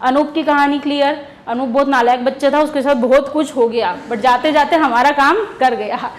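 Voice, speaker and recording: A woman's voice: high-pitched, moderate pace. A woman teacher giving an exam-prep lesson, asking questions and answering them herself while repeating key words. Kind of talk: exam-prep lesson using memory stories.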